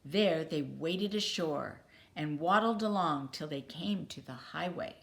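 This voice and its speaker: A woman reads a children's story aloud in a slightly low voice. Her pace is very unhurried, and her phrasing is deliberate and expressive. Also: creaky. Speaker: storybook reader. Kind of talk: children's picture book read-aloud.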